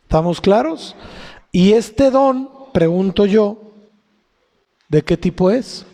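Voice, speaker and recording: A man with a Mexican accent preaching a sermon, often asking his congregation questions and reading scripture in a slow, drawn-out way. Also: high-pitched, lively intonation, warm tone. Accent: Mexican Spanish. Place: church hall. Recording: long hall reverb.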